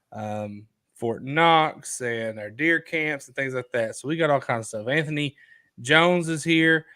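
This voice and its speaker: A talkative man hosting a live show, chatting loosely at a middling pitch. He reads comments aloud and hops from one topic to the next in an unscripted, everyday way. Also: fairly bright tone, clear, resonant tone. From Kentucky. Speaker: livestream host. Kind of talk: casual live chat.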